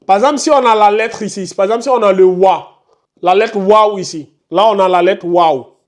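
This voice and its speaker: A man teaches a recitation class in a high voice for a man. He keeps pressing his point and goes over each step again and again. He scolds the students who lose track. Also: moderate pace. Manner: insistent, repeats explanations step by step, scolds students. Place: classroom with a board.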